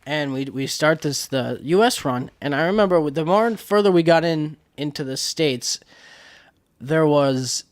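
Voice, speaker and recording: A man's voice: fairly high pitch, expressive, unhurried. A man co-hosting a podcast, telling a story in casual chat, rambling with many restarts and frequent swearing. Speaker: podcast co-host.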